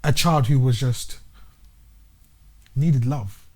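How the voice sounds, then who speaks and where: A young man hosting a podcast, talking openly and emotionally, lively when he tells stories. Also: mid-range voice, slow. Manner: open, emotional, animated when telling stories. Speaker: podcast host. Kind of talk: casual interview talk.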